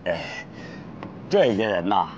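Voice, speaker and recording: An actor playing a fawning, excitable local official who grovels to his superior and scolds his men, with faint music under. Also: sits low, slow pace, highs cut off, slight background noise, full character voice. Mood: wheedling. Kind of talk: TV drama acting.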